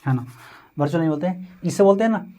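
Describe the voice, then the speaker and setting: A man's voice: on the high side, lively intonation, fast talker, dark tone. A man with a Bihari Hindi accent teaching a physics lesson, repeating terms and asking questions that he answers himself. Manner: repetitive, checks with 'समझे?' and 'है ना'; asks questions then answers them himself.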